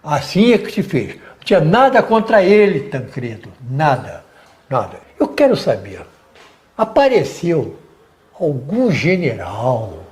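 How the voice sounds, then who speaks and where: Emphatic older Brazilian general, lively pitch. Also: male voice, measured pace. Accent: Brazilian Portuguese. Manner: emphatic, animated, repeats words for stress, acts out quotes. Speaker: retired army general. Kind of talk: TV interview, storytelling.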